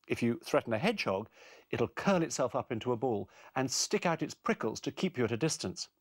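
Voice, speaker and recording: Calm man presenting a course. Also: medium pitch, a little fast. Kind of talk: scripted parenting course narration.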